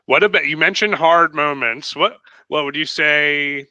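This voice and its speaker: A man's voice: a little high, unhurried, bright, forceful tone, clear, resonant tone, no room sound. A man hosting a podcast, asking playful, teasing questions in a casual interview. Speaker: podcast host.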